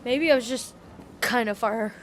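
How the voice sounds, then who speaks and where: A woman gaming streamer with a fairly high voice talks at a moderate pace over slight background noise. Her casual gameplay commentary rambles, full of fillers and self-corrections. She uses a headset or desk mic and sometimes drifts away from it.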